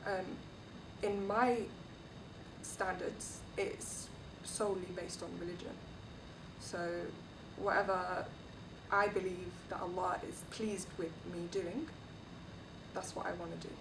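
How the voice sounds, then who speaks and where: A soft-spoken woman talks slowly and hesitantly. The mic sits well away from her in a roomy space. A clear background hiss runs underneath. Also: on the low side, steady tone. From London, England. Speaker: interviewee. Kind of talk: documentary interview. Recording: echoey room, distant mic, noisy.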